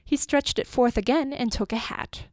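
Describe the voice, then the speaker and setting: Woman reading a storybook, slow and expressive, bit high voice, really dry close mic. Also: dry recording. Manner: measured and expressive, lingering on lists. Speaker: narrator.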